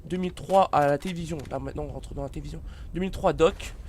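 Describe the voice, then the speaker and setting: A man's voice: a little high, fast talker, darkish tone. A man casually presenting a celebrity biography, hesitant and full of fillers and restarts, apologizing now and then. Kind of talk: casual read-aloud commentary. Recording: faint background noise.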